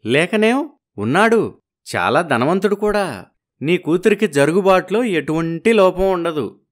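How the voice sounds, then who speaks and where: A shrewd middle-aged matchmaker from a cartoon story, blunt and businesslike. His voice runs slightly high for a man. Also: sing-song, measured pace. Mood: matter-of-fact. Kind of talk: animated storybook voice acting.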